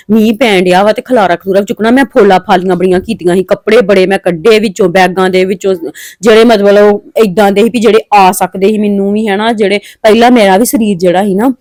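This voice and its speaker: A woman's voice: mid-range voice, darkish tone. A woman with a Punjabi accent chatting casually for a home vlog, rambling in a plaintive, homely way as she talks to her viewers. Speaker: family vlogger and mother.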